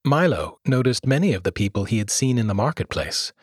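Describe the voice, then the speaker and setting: A man reading a children's story aloud as narrator, expressive and lively. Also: mid-range voice, brisk, breathy edge, no room sound, clean studio sound. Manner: expressive storyteller, voices characters. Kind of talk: audiobook reading.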